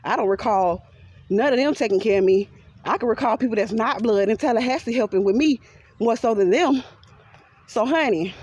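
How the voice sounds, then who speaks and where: Animated Southern woman venting on a walk. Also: on the high side. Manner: animated, laughs often, talks straight to viewers. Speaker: vlogger. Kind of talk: walking vlog venting to followers. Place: outdoors walking by a pond.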